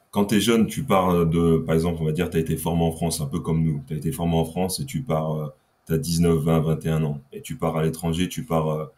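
Very deep-voiced man explaining. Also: mellow. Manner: explains with examples, thinking aloud. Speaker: co-host. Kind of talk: casual chat.

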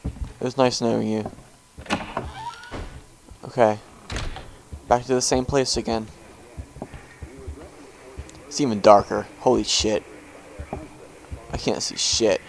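A man's voice: fairly low pitch, fairly even intonation, takes it slowly, vocal fry, pauses often, a little hiss or hum, low-quality recording. A young man commenting on a horror game as he plays, jumpy and swearing, with panicked outbursts. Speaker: gamer. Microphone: headphones with desk mic.

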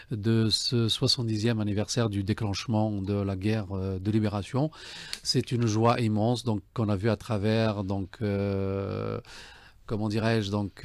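A man's voice: on the low side, a little mellow, no echo. Hesitant man in a radio interview. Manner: many hesitations with "euh" and "donc", formal and enthusiastic. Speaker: guest, book fair commissioner. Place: radio studio. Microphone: studio desk mic.

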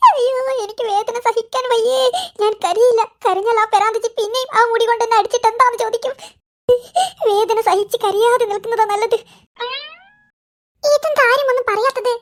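A performer voicing squabbling cartoon kids and their mother, bickering in a squeaky, sped-up comic style. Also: steady tone, fairly quick. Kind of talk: cartoon character voices.

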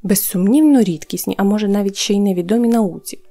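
Woman narrator as a dim, gentle, fussy old collector creature, muttering, mellow. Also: mid-range voice, quick pace, soft background music, natural voice. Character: slow, mild old male Hemulen collector.

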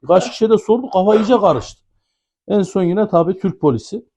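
A man's voice: sits high, a little fast, slightly rough. Guy with an ankara accent telling a funny story, acts out all the lines, voice swings up and down a lot. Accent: Ankara Turkish. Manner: animated storytelling, acting out dialogue. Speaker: storyteller guest. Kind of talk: comic anecdote telling.

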